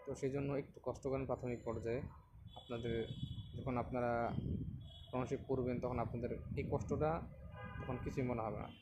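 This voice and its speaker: A man teaching a beginners' reading lesson, patiently explaining and repeating each letter slowly for learners to copy. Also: mid-range voice, level tone, background noise. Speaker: Quran teacher.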